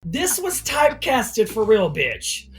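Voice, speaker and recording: A man with a Texan accent, a drag queen telling a sassy, animated story and acting out the voices in it. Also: sits high, slow. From Texas.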